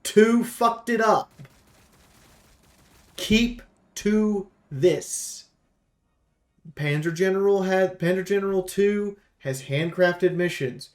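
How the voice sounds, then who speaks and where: This fairly high-voiced man walks through a game preview slowly, leaving long pauses. His tone is casual and streamer-like, as if reviewing for viewers, and he states his views bluntly and emphatically.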